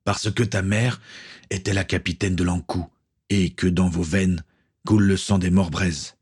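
A man's voice: low-pitched, fairly even intonation, unhurried, a little mellow, breathy edge. A man voicing a stern middle-aged pirate captain, an uncle who speaks with firm authority.

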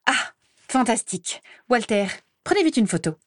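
A woman's voice: on the high side, sing-song, normal speed, no room sound, clean studio sound, voice pushed up. A woman voicing a brash, pushy young female gossip reporter with a thin, reedy voice. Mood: gushing.

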